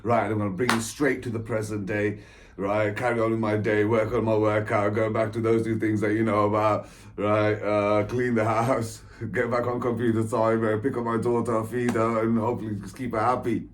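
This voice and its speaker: A man's voice: on the low side, level tone, normal speed, slight background noise. A man, an author talking through his life story in a rambling, chatty way, laughing often and repeating himself. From England. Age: 40s. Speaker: author and spiritual coach. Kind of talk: rambling personal monologue.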